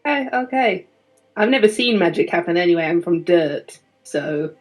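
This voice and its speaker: A woman's voice: lowish voice, animated, moderate pace, poor audio. Curious woman playing a tabletop game. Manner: curious, questioning. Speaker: player. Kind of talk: casual tabletop play.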